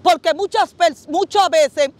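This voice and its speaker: A woman's voice: extremely high pitch, unhurried, darkish tone. A woman pastor giving an earnest testimony in an interview, often addressing the host by name.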